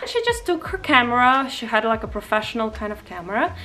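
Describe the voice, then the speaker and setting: Twenties woman, Russian accent, bright voice, casual vlog chat into a nearby camera. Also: a little high, expressive, brisk. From Far East Russia. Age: 20s. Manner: chatty, frequent "um" and "like", light laughs. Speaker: vlogger. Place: bedroom, indoors. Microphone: camera at close range.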